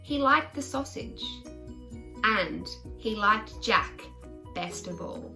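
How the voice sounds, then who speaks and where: A woman's voice: mid-range voice, lively intonation, slow pace, pushed and bright, soft background music. A woman storyteller reading a picture book aloud to children in a simple, child-directed way.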